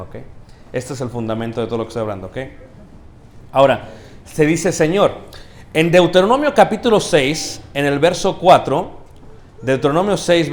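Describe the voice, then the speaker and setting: A man with a fairly high voice preaches a teaching sermon in a church. He keeps checking that his listeners follow, asking them questions and adding a quick "ok?". He slows down and stresses the key words.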